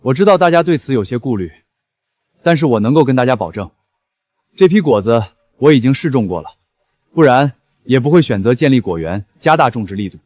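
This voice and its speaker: A man's voice: mid-range voice, lively intonation, brisk, darkish tone, natural voice. A man playing a confident young farmer. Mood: assured. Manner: assured, reassuring. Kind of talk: short-drama acting.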